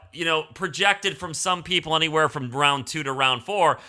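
A man's voice: mid-range voice, pushed and bright. A man in his forties hosting a sports show with conversational football analysis. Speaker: sports talk show host.

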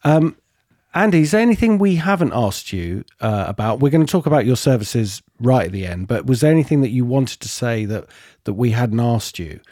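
A man's voice: medium pitch, lively intonation, a little fast, dark tone, no echo, studio quality. A man hosting a podcast interview, talking in a reflective, slightly hesitant way. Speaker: podcast host. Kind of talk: casual interview chat.

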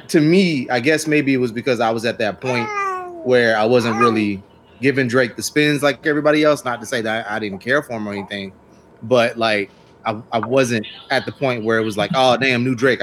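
A man with an average-pitched voice on a casual podcast. He thinks aloud, hesitant and reflective, and often stops mid-thought. Faint noise sits under the recording. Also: a bit bright. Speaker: podcast co-host. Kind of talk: casual chat.

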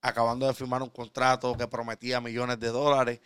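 A man in his thirties with a Puerto Rican accent, a preacher telling his conversion story earnestly and sometimes dropping to a hush. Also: mid-range voice, monotone, fairly quick, clean tone, dry recording. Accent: Puerto Rican Spanish. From Puerto Rico. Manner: earnest storytelling, drops to a hushed tone for intimate moments. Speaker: preacher guest. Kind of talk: conversational testimony.

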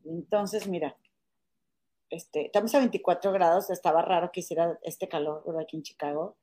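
A woman's voice: lowish voice, fairly even intonation, normal speed, mellow. A woman co-hosting a casual chat from home, informal and apologetic as she breaks in. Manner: apologetic, informal, says comadre. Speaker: co-host. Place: home in Chicago.

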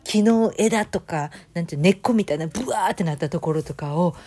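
A woman with a Kansai accent hosting her own channel, chatting casually and telling stories in a lively, conversational way. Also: lowish voice, fast talker. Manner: chatty storytelling, acting out quoted voices. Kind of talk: casual chat.

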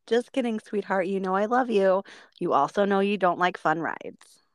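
A woman's voice: mid-range voice, animated, unhurried, no room sound. A woman in her thirties co-hosting a casual chat podcast, telling stories and laughing at herself often. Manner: laughs often, self-mocking storyteller. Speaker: podcast co-host.

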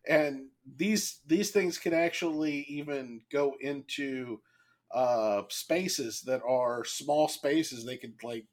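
A slightly hoarse man hosting a casual podcast chat, rambling and halting with lots of fillers and restarts. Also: mid-range voice. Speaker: podcast host.

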